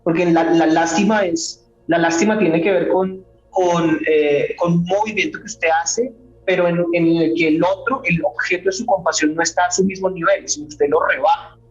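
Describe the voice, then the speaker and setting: A man, a philosophy doctoral student, explaining ideas at length as an interview guest in a measured way, often asking rhetorical questions. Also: sits high, steady tone, faint music behind. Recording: roomy, dull sound.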